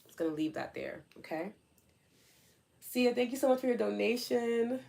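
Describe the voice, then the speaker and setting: A young adult woman hosting a spiritual coaching livestream, talking casually and earnestly, answering her chat and asking questions out loud. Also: fairly high pitch, moderate pace, gravelly. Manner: earnest, questioning, animated asides.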